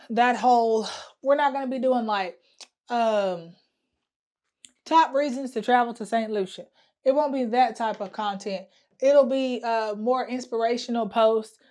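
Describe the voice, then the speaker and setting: A woman's voice: on the high side, darkish tone. A woman vlogging casually as she plans her travel business marketing, thinking aloud with lots of fillers and restarts. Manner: hums to herself while working at the wall. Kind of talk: casual talking-to-camera planning vlog.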